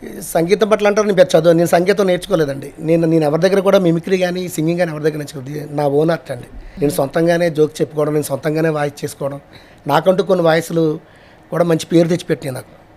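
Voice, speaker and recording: A man's voice: on the high side, steady tone, racing, darkish tone. A man, a singer and mimicry artist, answering interview questions in an earnest, eager way. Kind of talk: casual interview.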